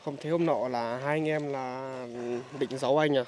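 A man doing a casual on-location interview in a rural village, speaking haltingly with many filler sounds. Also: medium pitch, steady tone, heavy background noise. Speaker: vlogger visiting a poor family.

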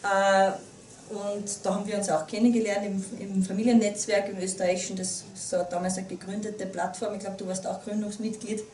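A woman's voice: medium pitch, flat delivery, fairly quick, a little mellow, slight background noise. A woman in her thirties with an Upper Austrian accent gives an earnest talk to a small group, often restarting her sentences. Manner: earnest, with many restarts and fillers. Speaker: guest speaker. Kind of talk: public talk. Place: small meeting room. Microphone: far camera. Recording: roomy, distant camera audio.

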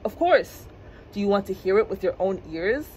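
A woman reading a storybook aloud, voicing a stingy male town mayor who speaks in a grand, booming way. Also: animated, moderate pace, a little mellow, slight background noise, natural voice, rough recording. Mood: proud.

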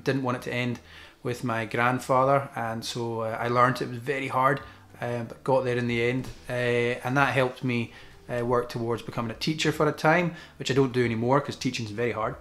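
Even-toned young Scottish man. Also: mid-range voice. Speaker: gaming video creator. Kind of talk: informal talk to camera. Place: small indoor room with desk.

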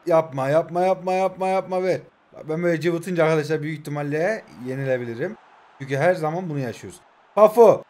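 Young guy with a pretty high voice, rambling jokey play-by-play as he games. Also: a little mellow. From Turkey. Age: 20s. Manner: joking, teasing, talks to himself and viewers. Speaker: gaming YouTuber. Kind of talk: live gameplay commentary.

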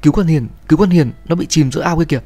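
A man's voice: medium pitch, animated, brisk, darkish tone, soft background music. A man playing a frantic elderly mother who cries out shrilly in panic. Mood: panicked.

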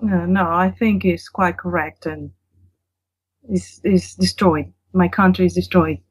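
Husky-voiced woman caller from Venezuela. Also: on the low side, steady tone, measured pace, no echo, poor audio. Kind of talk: call-in conversation.

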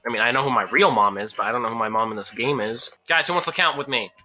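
Very bright, goofy let's-play woman. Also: a bass voice, quick pace. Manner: goofy, jokey rambling with frequent laughs. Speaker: gameplay YouTuber.

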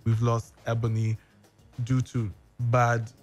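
A man's voice: medium pitch, monotone, takes it slowly, lo-fi sound, soft background music. A young man from Germany speaks on a studio mic in a small radio room. He talks earnestly and at length, his sentences stitched together with casual fillers. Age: young adult. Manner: earnest, talks in long runs with many "like"s. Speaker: guest blogger. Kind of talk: casual podcast conversation. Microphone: studio mic with headphones.

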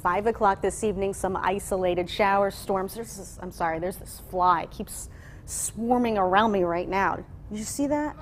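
A woman's voice: mid-range voice, moderate pace, slight background noise. A woman presenting a live TV forecast and talking off the cuff. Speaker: TV weather presenter.

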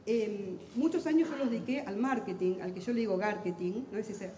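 A middle-aged woman with an Argentine accent, a literary translator talking quickly and intensely on a book fair panel, with self-deprecating humor. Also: mid-range voice, warm tone. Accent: Argentine Spanish. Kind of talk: lively public talk at a book fair. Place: large hall at a book fair. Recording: echoey hall with long reverb.

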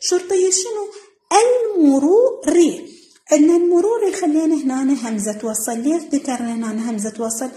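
A woman with a high voice and an Iraqi Arabic accent teaches young children to read. She drills syllables one by one in a slow sing-song, stretching each sound out. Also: mellow. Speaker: primary school teacher. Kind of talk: recorded phonics lesson for young children.

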